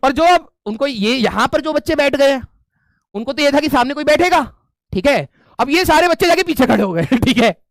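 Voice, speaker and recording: Guy teacher, really high voice, dry close sound, laughing through a class story. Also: fairly quick, no echo. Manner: animated, laughing, frequent filler checks.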